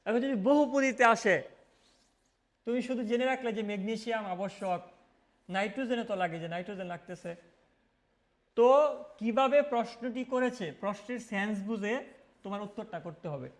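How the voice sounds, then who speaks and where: Man, biology teacher, high voice, repeats key terms, asks and answers his own questions. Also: normal speed, pauses often. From Mymensingh, Bangladesh. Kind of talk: classroom lecture.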